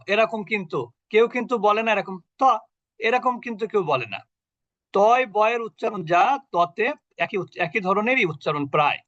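A man teaching an online tajweed class, slowly repeating syllables and asking questions he then answers himself. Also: high-pitched, sharp tone, dry recording, highs cut off. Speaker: Quran recitation teacher. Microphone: video call.

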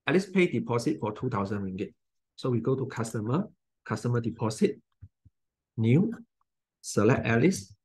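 A man in his forties with a Malaysian English accent, talking through a software tutorial in plain step-by-step instructions. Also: mid-range voice, big pitch swings, normal speed, pauses often, husky. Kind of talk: screen-recorded software tutorial.

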